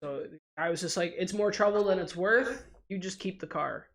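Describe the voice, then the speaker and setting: A man's voice: high voice, moderate pace, a bit bright. A man co-hosting a podcast, easygoing and agreeable, telling stories in casual chat.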